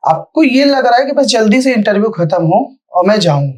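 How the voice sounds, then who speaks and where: A man giving direct, firm feedback to a candidate after a mock interview, as a panelist. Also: moderate pace. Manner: direct, firm coaching, lively pitch swings.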